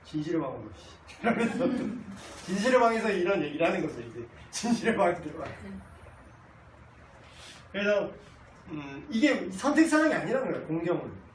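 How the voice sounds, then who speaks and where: Man, 30s, blunt joking Bible teacher; high animated delivery, distant roomy mic. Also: a little fast, slight background noise. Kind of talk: casual Bible class lecture. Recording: echoey room, distant mic, faint ambience.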